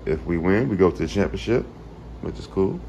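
A man's voice: sits low, animated, brisk, warm tone, lo-fi sound, slight background noise. A man in his thirties casually vlogging a road trip on a phone held at arm's length, chatting easily and repeating himself. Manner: easygoing, repeats phrases, chats to his son. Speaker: vlogger father. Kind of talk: casual travel vlog. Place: car, hotel and outdoors. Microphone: phone camera held at arm's length.

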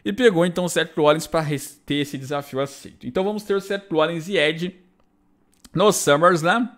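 A man's voice: on the high side, normal speed, fairly bright tone. A Brazilian man casually recapping wrestling shows, chatty and full of rhetorical tag questions. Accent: Brazilian Portuguese. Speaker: wrestling YouTuber.

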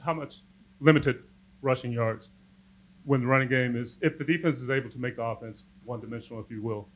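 A man's voice: mid-range voice, a little fast, rough recording. A man, a reporter at a press conference, asking a wordy question and rephrasing it.

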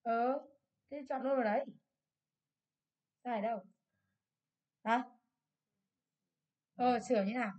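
A woman English teacher with a Vietnamese accent, going through an exam in a brisk review lesson and asking many checking questions. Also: fairly high pitch, fairly even intonation, darkish tone.

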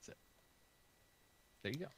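A man's voice: unhurried, poor audio. A man talking as a guest YouTuber in a casual video-call chat, rambling with lots of "like" fillers and joking at his own expense. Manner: rambling, heavy use of "like" fillers; animated and self-mocking.

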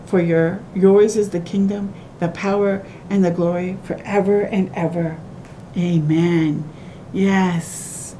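A middle-aged woman reads a children's picture book aloud in a small home room by a window, adding asides in simple, sing-song phrasing for little ones. Her voice is dark-toned and slow with fairly even intonation. The recording is clear, with a low rumble in the background.

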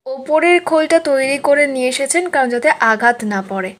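A woman voicing a defiant female professor, scolding, sharp-tongued, higher voice. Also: normal speed.

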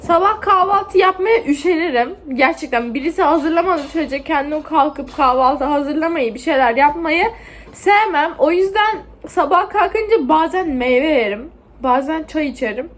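High-voiced blunt young woman vlogging. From Bursa, Turkey. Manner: blunt, outspoken, swears freely. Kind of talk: casual chatty vlog.

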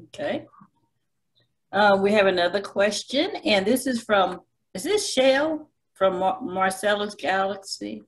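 A woman reading out an audience question in a halting way, during a casual Q&A. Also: mid-range voice, lively intonation.

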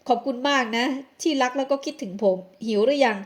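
A woman's voice: high-pitched, brisk, natural voice. A woman voicing a bossy rich young man in an audio drama, curt and dismissive. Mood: tender.

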